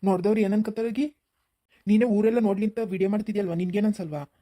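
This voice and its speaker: Woman voicing a cranky coughing grandfather, rapid village grumbling. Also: mid-range voice, steady tone, dark tone, pitched below the performer's own voice, natural voice. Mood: grumbling, scolding.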